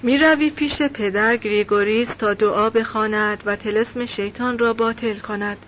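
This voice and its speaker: Worried loyal villager voiced by a woman reader, pleading, a little high, muffled recording, faint hiss. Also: steady tone, fairly bright tone, natural voice. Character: anxious young village man, loyal friend.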